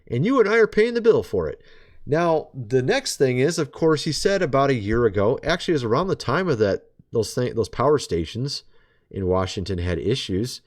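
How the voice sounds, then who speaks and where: A man's voice: mid-range voice, very animated, moderate pace. A man talking straight to his viewers in a casual commentary monologue, sarcastic and chatty, and he keeps calling them folks. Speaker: vlogger.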